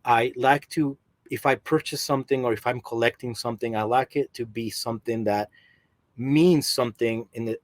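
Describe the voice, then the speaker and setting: A mid-range male voice with no room sound belongs to a middle-aged man from Peru, speaking with a Peruvian accent. He's a podcast guest on a video call from his home basement, casually discussing his collecting hobby.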